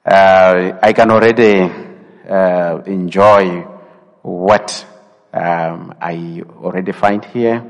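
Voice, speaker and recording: A man from Malawi with a Malawian accent, a visiting priest introducing himself to a congregation in a measured way. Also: low voice, steady tone. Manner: measured, with frequent um and uh. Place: church. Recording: long church reverb.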